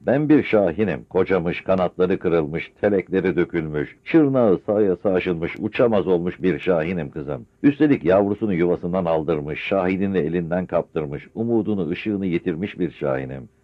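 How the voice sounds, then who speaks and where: A man voicing a grieving, frail old village man who pleads tearfully in a high, strained voice. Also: lively intonation, normal speed, hardly any pauses. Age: older. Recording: dull lo-fi recording.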